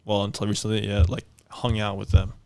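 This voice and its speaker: A man's voice: fairly low pitch, completely flat delivery, fairly quick, gravelly, a little mellow, clean tone, faint music behind. A young man in casual podcast chat, talking hesitantly with many fillers.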